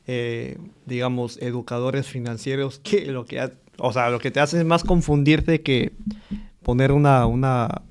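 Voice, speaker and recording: A man at a middling pitch hosts the conversation, agreeing readily and asking questions. He hesitates often, circling his point with repeated fillers before landing it. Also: steady tone, a little slow, smooth. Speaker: interview host. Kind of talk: conversational interview.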